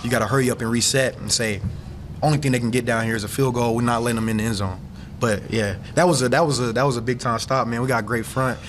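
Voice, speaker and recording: A young man who plays defense in football sits at a table in a press room after a game, answering questions casually into a table mic. His medium-pitched voice is steady and fast, he says "you know" constantly, and a little hiss or hum is audible.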